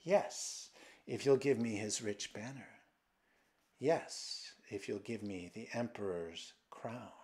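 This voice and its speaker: A small, gentle nightingale bargains in a soft, breathy near-whisper, voiced by a man reading a storybook. The delivery is slow and unhurried. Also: on the low side. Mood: bargaining.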